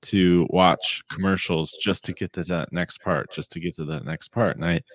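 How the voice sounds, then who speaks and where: A man co-hosting a podcast, talking in a slow, reflective, low-key way. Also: steady tone, no room sound, clean studio sound. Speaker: podcast co-host. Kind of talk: casual chat.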